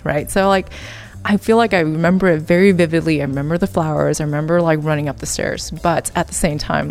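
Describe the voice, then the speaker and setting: A woman from Taiwan with a low, gravelly voice, sharing her story as a guest artist. She is thoughtful and reflective, and she often pauses on small fillers as she talks. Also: darkish tone. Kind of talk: reflective interview talk.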